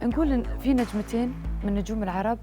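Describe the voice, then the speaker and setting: Female TV interviewer, polite and measured in her questions, delivered at a very brisk clip. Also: fairly high pitch, over music. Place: TV studio.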